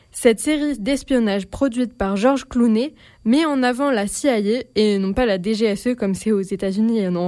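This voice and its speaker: A woman columnist reads the week's streaming picks in a steady, scripted way. Her voice is somewhat high, and the recording is close and dry, with no room sound. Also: dry recording. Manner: clear, steady reading from a script. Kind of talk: scripted presentation.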